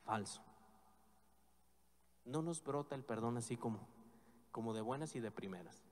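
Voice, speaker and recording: A man, a priest, reading the Gospel and preaching a homily in measured, emphatic phrases with slow stressed words. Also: mid-range voice, animated. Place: church. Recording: long church reverb.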